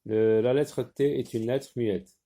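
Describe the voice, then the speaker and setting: Man, teacher, slow patient delivery, gravelly voice, spelling lesson. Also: mid-range voice, steady tone, warm tone.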